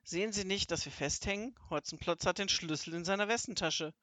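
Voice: medium pitch, brisk, bright, forceful tone, dry recording, natural voice. A reader voicing a plucky, cheeky boy in a children's audiobook, matter-of-fact and direct.

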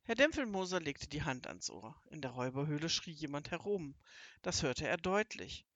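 An audiobook narrator reading a children's story in a lively, expressive way. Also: medium pitch, moderate pace, dry recording, dull audio. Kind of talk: scripted narration of a children's book.

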